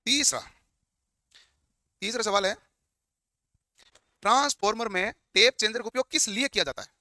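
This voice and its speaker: A man's voice: sits high, normal speed, sharp tone, no room sound, studio quality. A man teaching a class, firing questions at his students and answering them himself. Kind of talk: classroom lecture.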